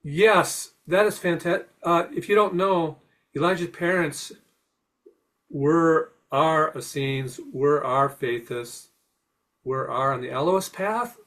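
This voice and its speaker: A man with a slightly high voice hosts a spiritual podcast conversation. He speaks warmly encouraging words with a reassuring tone, often pausing and restarting his sentences. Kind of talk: casual spiritual discussion.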